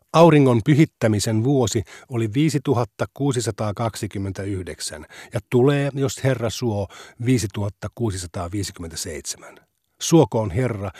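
A man giving a measured, even scripted reading of a translated religious legal text in a radio studio. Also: mid-range voice, breathy edge, dry recording.

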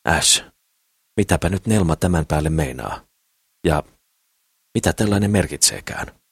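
A man voicing a boastful, excitable crippled builder in an audiobook, eager and full of himself. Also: very deep voice, gravelly, breathy edge, no echo, studio quality, exaggerated voice. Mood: puzzled. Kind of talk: audiobook character voice.

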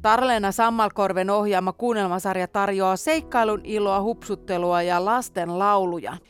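A woman radio host presenting audio dramas in a smooth, scripted way. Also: medium pitch, fairly even intonation.

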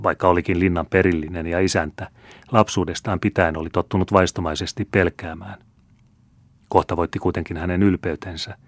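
A male audiobook narrator reads a classic tale in an even, measured way. His voice is very low and deep. The recording is dry, with no room echo. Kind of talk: scripted narration.

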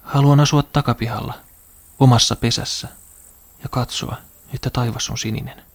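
A man voicing a lonely child who hides from an unhappy mother, speaking in a quiet, dreamy first-person radio drama monologue. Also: mid-range voice, fairly even intonation, lightly acted.

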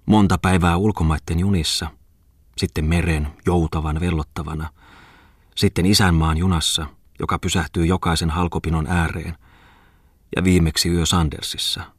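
A man reading a novel aloud as an audiobook narrator, calm and measured. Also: low voice, husky, dry recording, clean studio sound. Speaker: audiobook reader. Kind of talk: scripted literary narration.

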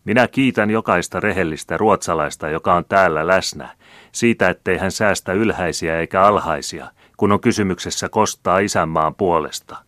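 A man reading the part of a cunning, fearless count who loudly rouses an angry crowd. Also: sits low, no echo, studio quality. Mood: rousing. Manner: loud, rousing oratory. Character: cunning, fearless male count rousing a mob.

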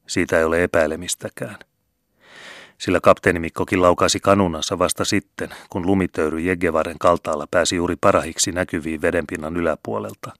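A man's voice: low voice, fairly bright tone, no room sound, studio quality. A man reading a story aloud as an audiobook narrator, in a folksy storytelling tone. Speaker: audiobook reader. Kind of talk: literary narration.

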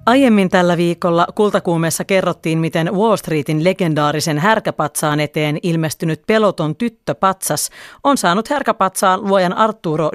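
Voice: medium pitch, no echo. Dry-sounding culture reporter reading news. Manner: measured, read from a script. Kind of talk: scripted news narration.

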